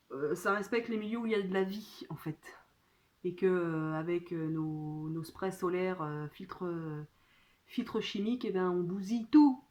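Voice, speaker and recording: A woman's voice: lowish voice, darkish tone. A woman chatting casually to her phone during an unboxing, talking in a hesitant way full of fillers. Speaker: vlogger. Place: at home.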